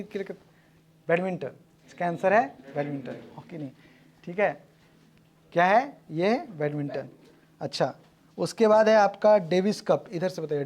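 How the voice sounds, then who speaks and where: Man, high voice, brisk classroom quiz teacher, echoes each answer back. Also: darkish tone. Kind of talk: classroom quiz, calling on students. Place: classroom with students.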